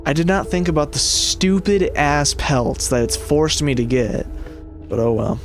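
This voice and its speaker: Guy doing chill lets play commentary, gravelly fry in his voice, thinks out loud, music in back. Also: fairly high pitch, animated, unhurried. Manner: muses aloud, mildly swears. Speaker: gaming video player and commentator. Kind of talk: casual game playthrough commentary, reads game text aloud.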